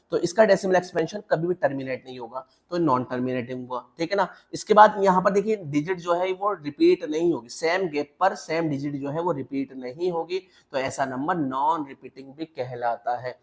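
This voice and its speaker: A man teaching a maths lesson, walking step by step through examples and checking in with the class. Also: fairly high pitch. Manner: repetitive checks with the class, mixing English terms into Hindi. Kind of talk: classroom lecture.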